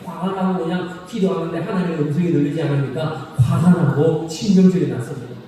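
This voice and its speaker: A man preaching a sermon as pastor, reading scripture slowly and asking the congregation questions, then repeating the answers himself. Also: fairly high pitch, warm tone. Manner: asks the congregation questions and repeats key phrases; slow, solemn scripture reading. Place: church sanctuary. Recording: echoey hall reverb from a distant mic, faint noise.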